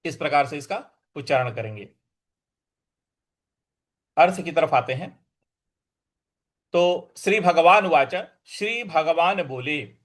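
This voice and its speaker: A man teaching a scripture lesson, reciting verses in a slow chant and explaining each word with careful repetition. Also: on the high side, expressive. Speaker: Gita teacher.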